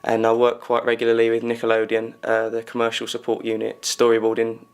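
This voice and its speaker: A man in his twenties, an animator, answering interview questions in a steady, even way. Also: mid-range voice, a little fast, clear, resonant tone. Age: 20s.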